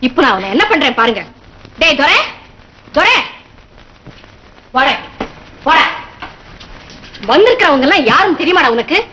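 A woman's voice: sits high, very animated, very fast, few pauses, a little hiss or hum, full character voice. An actress playing a young mother who scolds her mischievous son and speaks politely to guests. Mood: scolding. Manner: scolding, forceful.

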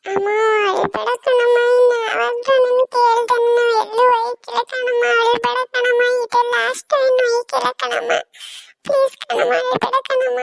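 A woman's voice: very high-pitched, monotone, moderate pace, fairly bright tone, no echo. A woman voicing a small village child in a cartoon, pleading and whiny. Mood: tearful pleading. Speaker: child of the mother. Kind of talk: cartoon voice acting.

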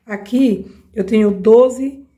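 This craft tutorial comes from a Brazilian woman whose cold leaves her hoarse, though her slightly high voice stays mellow and her pace slow. Working at a home craft table indoors, she speaks with a Brazilian Portuguese accent and chats with viewers as she demonstrates each step. She addresses them directly, often checking that they're following along.

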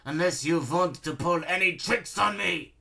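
A man's voice: sits high, animated, takes it slowly, vocal fry, sharp tone, recorded from a distance, slight background noise, pitched above the performer's own voice, exaggerated voice. A man voicing a sneering, petulant villainous baron in a storybook, ranting and blustering.

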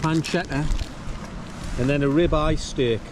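An unhurried man with a North East England accent narrates a casual camping vlog on an open grassy hillside valley beside a stream. He holds the camera at arm's length, and the noisy outdoor recording carries wind and the rumble of running water.

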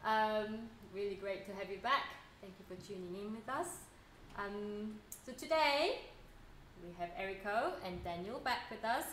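A woman welcomes listeners to a concert in a chatty, casual way full of fillers. Her voice sits at an ordinary middle pitch. The church room rings around her, with a faint background hiss. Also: normal speed, fairly bright tone. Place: church hall. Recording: roomy church echo, faint noise.

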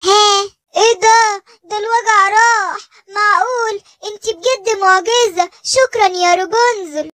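An excitable male forest animal marvels in an Egyptian Arabic accent. The voice is very high and bright, close and dry in a children's cartoon. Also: normal speed, no room sound. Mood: amazed. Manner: excitable, amazed.

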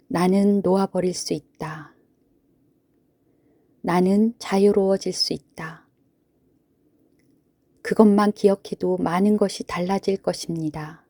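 Slow, soothing woman narrating for sleep. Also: mid-range voice, dry recording. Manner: soothing, gentle, hushed, with long pauses. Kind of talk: sleep story narration, guided Buddhist relaxation.

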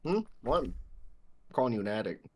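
A player joking and teasing during a casual tabletop game session. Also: male voice, fairly low pitch, very animated, a little fast, slightly rough. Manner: teasing, laughs often.

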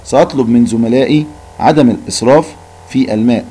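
A man's voice: mid-range voice, quick pace, dark tone, slightly rough. A male teacher reading a young schoolboy's lines in a raised, eager voice.

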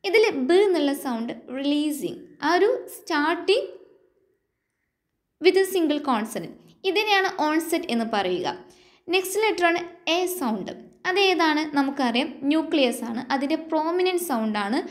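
A woman with a Malayali accent gives an exam-prep lesson in a high, unhurried voice. She reads out definitions slowly and stops to ask the viewer whether it is clear. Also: sing-song. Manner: slow English definitions dictated, then explained; asks the viewer check questions. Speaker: teacher. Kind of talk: exam-prep lecture mixing Malayalam and English.

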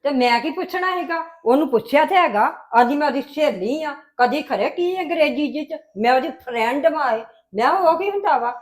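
A woman playing an older grandmother who grumbles and complains with a sharp tongue, in an amateur family drama. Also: high voice, expressive, fairly quick, few pauses. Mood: grumbling. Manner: scolding, gossipy complaint.

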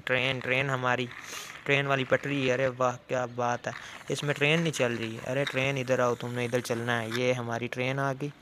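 A man narrating his toy play in an excited, exclamatory way, talking to the toys as if to a child. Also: mid-range voice, slight background noise.

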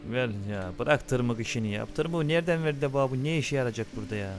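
A man commenting casually on his own gameplay, muttering to game characters and often bursting into loud, irritated yelling at them. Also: medium pitch, animated, quick pace, background noise. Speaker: gaming channel host.

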